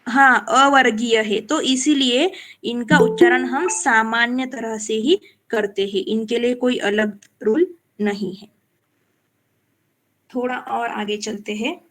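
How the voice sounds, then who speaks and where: A woman teaching Sanskrit verse recitation in a live class, explaining patiently, checking that students follow, and chanting lines slowly as examples. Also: a little high, fairly even intonation, fairly bright tone.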